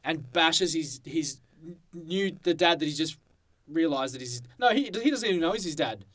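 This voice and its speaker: A young man, co-hosting a comedy podcast, chiming in with quick agreement and laughter. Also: on the high side, expressive, fairly bright tone. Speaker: podcast co-host. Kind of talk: improvised comedy chat.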